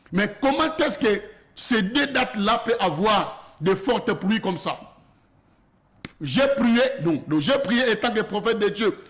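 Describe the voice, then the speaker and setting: This high-pitched, slightly bright male voice belongs to a prophet from Congo (DRC) with a Congolese French accent. He preaches an earnest sermon in French, slipping in Lingala phrases and growing more emphatic as he goes.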